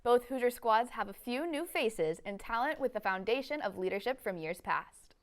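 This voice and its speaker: Clear-voiced young woman anchoring sports news. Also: fairly high pitch, expressive, moderate pace. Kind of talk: scripted sports news narration. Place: TV studio.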